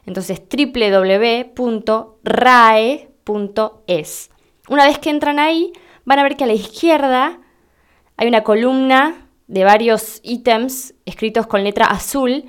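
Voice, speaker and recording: A woman with an Argentine Spanish accent giving a slow, deliberate explanatory lesson, spelling things out for her listeners. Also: on the high side, clear, resonant tone. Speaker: Spanish teacher.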